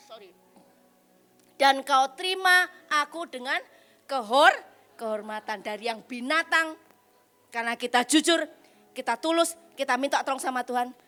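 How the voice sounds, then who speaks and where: A woman evangelist preaching a lively sermon at a retreat, teasing and blunt, throwing rhetorical questions at the crowd and dropping English phrases. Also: fairly high pitch.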